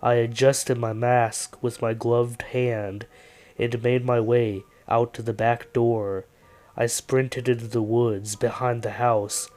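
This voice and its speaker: A man narrates a dark first-person horror story at a very slow, deliberate pace. His delivery is calm and weary, with a middle-pitched voice. Faint music plays quietly beneath him. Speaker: creepypasta narrator. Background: faint background music.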